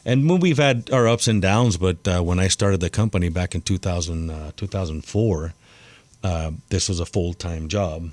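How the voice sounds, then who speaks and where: A middle-aged man from Texas, a general contractor talking casually as a guest, relaxed and quick to laugh. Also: sits low, no room sound. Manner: relaxed, laughs easily, frequent fillers. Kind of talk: casual interview talk.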